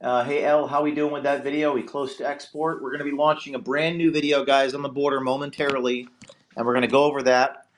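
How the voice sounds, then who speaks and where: A man's voice: mid-range voice, flat delivery, fast. Man hosting a casual livestream. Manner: conversational, repeats and restarts words. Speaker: livestream host.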